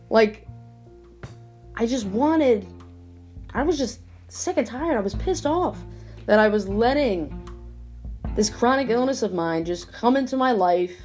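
A woman's voice: fairly high pitch, a little mellow. A woman hosting her own podcast, talking through a casual motivational monologue in an emphatic way that repeats her points and leans on "like". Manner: emphatic, repeats herself, frequent "like". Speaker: podcast host.

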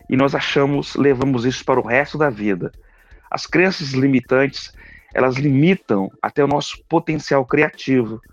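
This medium-pitched Brazilian psychologist hosts a podcast and offers a sincere, homespun motivational monologue, frequently adding "né." The recording has no room sound and comes across dull and dry, with music faintly audible.

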